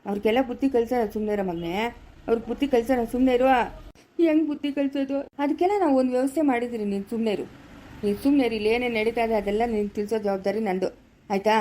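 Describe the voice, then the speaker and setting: Woman putting on a gruff older village man, commanding and vengeful, quick, dark tone, Chikkaballapura Kannada. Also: a little high, lightly acted. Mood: scolding. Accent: Kannada, Chikkaballapura area. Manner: commanding, reassuring, threatening. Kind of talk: amateur family village drama.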